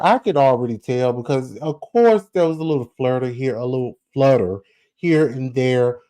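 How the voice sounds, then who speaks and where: A forty-year-old man, a celebrity gossip vlogger in his 40s, gives casual commentary to his viewers, chatty and full of asides, with frequent rhetorical "okay?"s as he talks straight to them. His mid-range voice is mellow.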